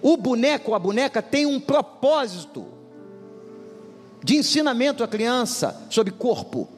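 A man's voice: very high voice, big pitch swings, a little slow. A male pastor delivering a humorous storytelling sermon, speaking animatedly and addressing the congregation directly. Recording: long hall reverb with music behind.

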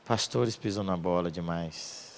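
An older man, preaching a storytelling sermon as a pastor, emotional, swinging between loud bursts and soft murmurs. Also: sits low, unhurried.

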